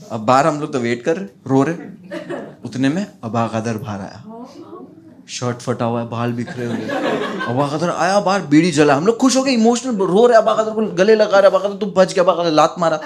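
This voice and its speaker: A young man doing stand-up, telling a story with lively swings from hushed to loud and acting out the voices of others. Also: high voice, normal speed, pauses often, a crowd in the background. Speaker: stand-up comedian. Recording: loud audience laughter.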